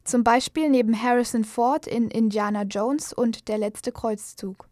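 A woman narrates a scripted news portrait. Her voice is a little high and recorded very dry in a studio. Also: a little slow, a little mellow, no room sound.

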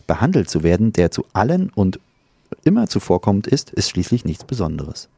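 A man's voice: deep voice, very animated, brisk, vocal fry, dark tone, breathy edge, no room sound. A middle-aged man co-hosting a radio show, teasing his partner and reading out study findings in a dry way. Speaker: radio co-host. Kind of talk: casual chat.

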